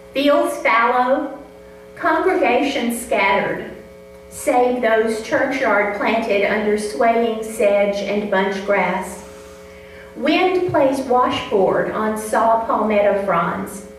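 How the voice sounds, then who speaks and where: A woman poet recites at an open mic, heard from a distance in a very echoey room. Her delivery is measured and slow, with careful spacing between phrases. A hum runs behind her. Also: fairly high pitch. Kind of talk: poetry recital, measured and deliberate. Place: indoor open mic venue.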